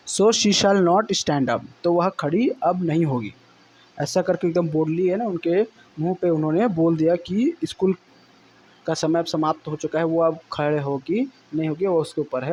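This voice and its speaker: A man teaching as an English teacher. He reads English lines slowly, then explains them in Hindi, often repeating himself and adding "है ना". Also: a little high, a little mellow, a little hiss or hum, poor audio.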